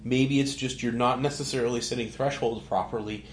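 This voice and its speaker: A man's voice: medium pitch, fairly even intonation, fairly quick, echoey room, slight background noise. A man with a New York accent hosting a casual tech conversation, rambling with restarts and fillers. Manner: rambling, restarts, frequent "like" and "you know".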